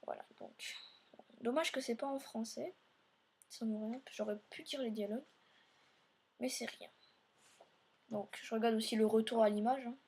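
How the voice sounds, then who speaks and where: Woman, let's play host, slightly higher voice, rambling commentary aimed at viewers. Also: moderate pace, pauses often, a little mellow, slight background noise. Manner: meandering, filler-heavy narration while playing; speaks directly to viewers.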